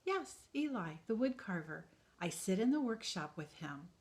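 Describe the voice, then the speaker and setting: A woman voicing a calm, self-assured little wooden girl in a children's story. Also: mid-range voice, normal speed, natural voice. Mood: breezy.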